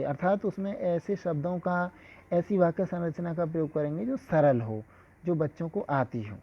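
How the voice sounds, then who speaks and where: A man teaching a lesson in a measured, explanatory way, with an occasional filler. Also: on the high side. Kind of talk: scripted lesson lecture. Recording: dull lo-fi recording.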